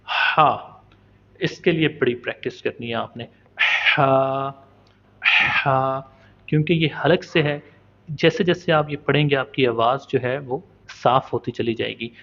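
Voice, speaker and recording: A man teaching the pronunciation of Arabic letters in a patient, step-by-step lesson, slowly demonstrating and repeating each sound. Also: mid-range voice, creaky, a bit bright, muffled recording. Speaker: Quran recitation teacher.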